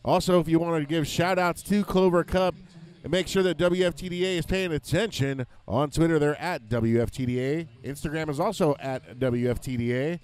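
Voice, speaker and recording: A man's voice: on the high side, normal speed, a little mellow, clean tone. A man announcing a roller derby tournament, joking as he rattles off lists of events and scores. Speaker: play-by-play announcer.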